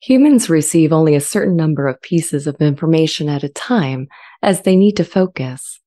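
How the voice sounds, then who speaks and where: A woman voices a sentient artificial intelligence in a dramatized dialogue, reading the transcript in a low, soft-edged, mellow voice. Her delivery is serene and thoughtful, measured and calm, with gentle, reflective phrasing, captured close on a large studio condenser mic.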